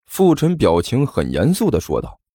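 A man narrating a story in a lively, colloquial storytelling manner. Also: medium pitch, normal speed, breathy edge, dry recording, faint music behind. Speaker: audiobook narrator.

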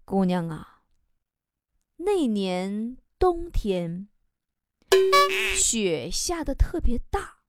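A woman doing a deadpan, solemn mother. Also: mid-range voice, pitched below the performer's own voice. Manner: slow, hushed, weighty pauses. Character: deadpan mother telling a slow solemn tale. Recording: loud audience laughter.

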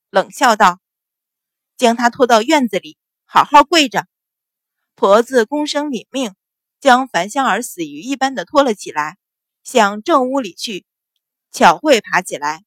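A woman reading a period novel aloud as a storyteller, giving the quoted characters a raised, forceful voice. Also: on the high side, no room sound. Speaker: audiobook narrator.

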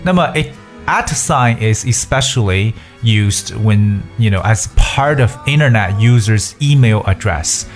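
A man's voice: lowish voice, expressive, measured pace, soft background music. A man hosting an English lesson for Chinese listeners, mixing English and Chinese and spelling words out letter by letter. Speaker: host.

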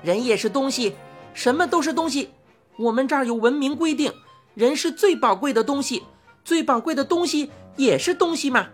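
A woman's voice: high voice, lively intonation, moderate pace, faint music behind, pitched above the performer's own voice. A woman voicing a tiny, cocky male creature in a storybook, with a thin, piercing voice and a snickering, bossy way of talking. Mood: mocking.

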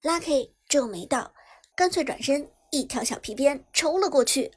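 A woman narrating a web novel chapter in brisk storytelling style, lifting her voice on the action. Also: sits high, expressive. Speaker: audiobook narrator. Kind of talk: scripted narration.

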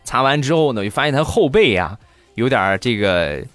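A man's voice: fairly quick, no room sound, soft background music. Man telling funny stories, dry close sound. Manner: lively, jumps into high squeaky voices for others. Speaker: comedy storyteller host. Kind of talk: comic storytelling monologue.

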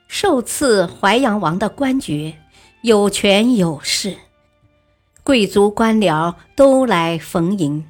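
A woman narrating a historical story in a measured, even storytelling manner. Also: medium pitch, slightly rough.

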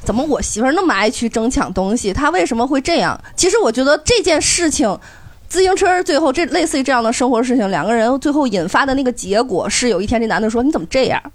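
A woman's voice: high-pitched, lively intonation, fast, no room sound. A woman on a comedy podcast giving emphatic advice about relationships. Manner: emphatic, explaining her advice. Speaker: podcast guest. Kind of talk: casual comedy podcast chat.

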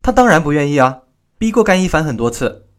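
A man's voice: fairly high pitch, sing-song, fast talker. A man telling a true-crime story in the first person as a victim's relative, with a gossipy, indignant manner.

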